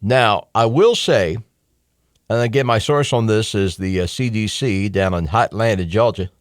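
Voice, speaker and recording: Speaking at a normal speed in a low-leaning voice, a middle-aged American talk radio host gives a folksy, opinionated monologue, casual and conversational with emphatic asides. The close studio microphone in his radio studio captures clean sound with no echo.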